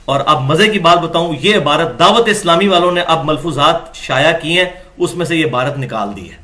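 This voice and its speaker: Male religious lecturer, high and bright-toned, argumentative and full of rhetorical questions. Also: expressive. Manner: argumentative, rhetorical questions, rises sharply when indignant.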